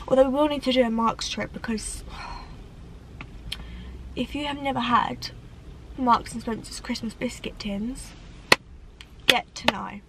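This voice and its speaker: A young woman chats animatedly to a dashboard camera in a parked car. Her voice sits high and bright as she gestures and lets out dramatic sighs. A faint hum of the car and the outside can be heard behind her. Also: vocal fry, poor audio. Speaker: vlogger. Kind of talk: casual chat to camera. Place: parked car on a rainy day.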